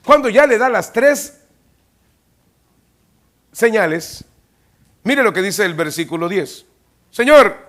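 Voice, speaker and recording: In a church, a male pastor with a high voice preaches a sermon, animatedly acting out Bible dialogue that climbs to loud, rising peaks.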